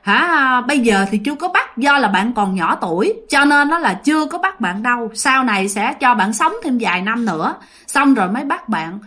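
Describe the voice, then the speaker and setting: A woman's voice: on the high side, animated, normal speed, pushed and bright. A woman voicing an angry, jealous male ghost of a dead soldier, taunting and harsh. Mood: stubborn.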